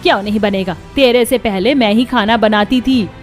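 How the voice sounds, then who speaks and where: Cartoon mother-in-law, sharp-tongued and proud, a woman voicing her. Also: a little high, moderate pace, faint music behind, close to an everyday voice. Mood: scolding. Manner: scolding, boastful. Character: irritable middle-aged village mother-in-law.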